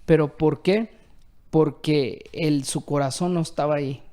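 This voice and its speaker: A man with a fairly high but mellow voice speaks on a casual faith podcast. He makes his points by asking a question and then answering it himself. While his partner talks, he keeps up a stream of short agreements. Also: steady tone, a little slow. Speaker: podcast co-host.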